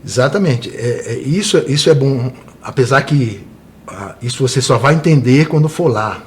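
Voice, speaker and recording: A man's voice: medium pitch, expressive, moderate pace, slight background noise. A man from Brazil, a tour guide, speaking earnestly as an interview guest and often adding tag questions.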